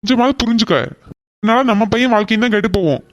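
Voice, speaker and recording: A woman's voice: a little high, very fast, close to an everyday voice. A woman voicing a fair-minded middle-aged father in a cartoon who reasons with his wife. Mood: reasoning. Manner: reasoning, gently firm.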